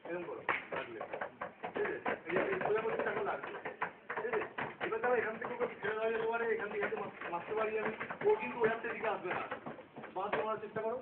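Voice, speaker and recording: Male martial arts teacher demonstrating moves, fast and high-pitched, recorded far off in an echoey space with heavy noise. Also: animated. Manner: instructive, checks often that students follow. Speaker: self-defence instructor. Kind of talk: live demonstration lesson. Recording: roomy, distant, phone-like sound with loud noise.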